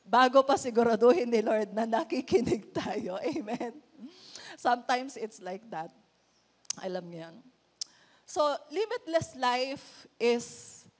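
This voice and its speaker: Female pastor, Filipino accent, heartfelt storytelling sermon; slightly high voice, long church reverb. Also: darkish tone. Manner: mixes English and Tagalog, emotional storytelling. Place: church hall.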